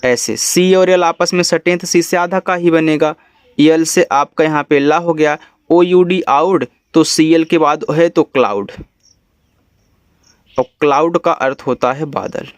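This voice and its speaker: A man's voice: a little high, measured pace, clear, resonant tone, no room sound, clean studio sound. A man with a Hindi accent teaching English reading, spelling each word out letter by letter and then explaining it patiently.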